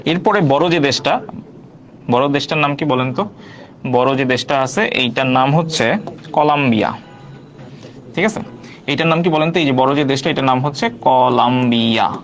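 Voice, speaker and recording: A man's voice: medium pitch, moderate pace, long pauses. A man teaching an online quiz class, repeating each question and prompting viewers to answer.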